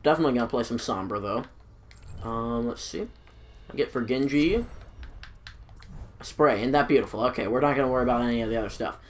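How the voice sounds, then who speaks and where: Commentating casually on his gameplay, a young YouTuber sounds congested in the nose and throat. He talks a little fast at a medium pitch, pausing often as he rambles, apologizes and makes self-deprecating remarks.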